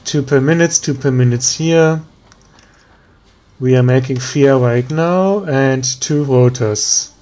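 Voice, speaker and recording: A man with a German accent giving tired, slow let's play commentary, thinking aloud with many pauses and ums. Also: mid-range voice, darkish tone. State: tired, yawning. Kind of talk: relaxed gameplay commentary.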